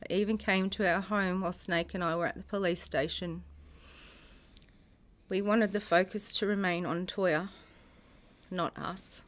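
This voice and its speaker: Middle-aged woman, medium pitch, grieving mother, solemn measured reading of a personal statement, short phrases. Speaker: bereaved mother making a public statement.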